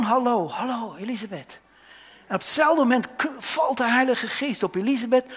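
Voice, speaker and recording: A man preaching a sermon with passion, swinging between loud outbursts and hushed whispers, in a church hall with long reverb. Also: high-pitched.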